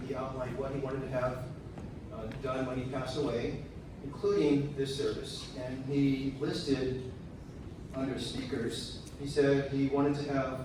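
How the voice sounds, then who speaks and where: A son gives a prepared eulogy at a memorial service, his medium-pitched voice tender and measured, with deliberate pauses. He's picked up from a distance in a large hall, so the recording is very echoey, distant, and noisy.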